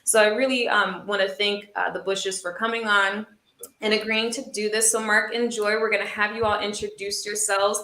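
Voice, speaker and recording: A woman hosting a casual interview, effusive and quick to laugh. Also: medium pitch, little pitch movement, echoey room. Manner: warm, effusive, laughs often. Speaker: host.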